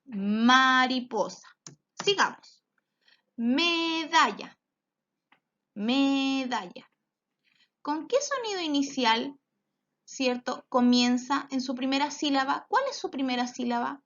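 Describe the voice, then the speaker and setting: A woman leads a phonics lesson for children, stretching each word out slowly and offering plenty of encouraging praise. Her voice is a little high and a bit bright, and the recording sounds dull and lo-fi.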